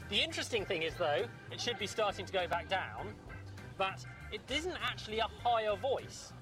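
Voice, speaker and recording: Man with squeaky helium voice. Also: sing-song, moderate pace, music in the background. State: voice altered by inhaled helium. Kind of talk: explaining a science demonstration.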